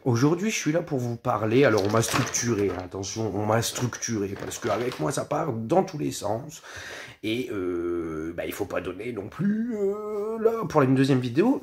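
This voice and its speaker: Rambling, animated young-sounding French man. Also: medium pitch. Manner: rambling and scattered, full of hesitations and self-mocking asides. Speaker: vlogger. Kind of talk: casual explainer vlog, partly read from notes.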